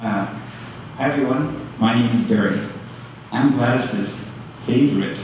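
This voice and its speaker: Older man, son's eulogy, unhurried, hesitant, wry; distant roomy recording. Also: mid-range voice, a little hiss or hum. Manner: halting with fillers, gently joking. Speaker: son giving a eulogy. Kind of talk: memorial eulogy. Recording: echoey hall from far off.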